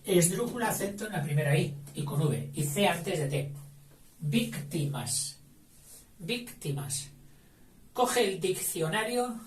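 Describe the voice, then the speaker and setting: A man giving a slow spelling dictation, breaking words into syllables and spelling out letters, recorded from a distance in a noisy, roomy space. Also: sits high, expressive.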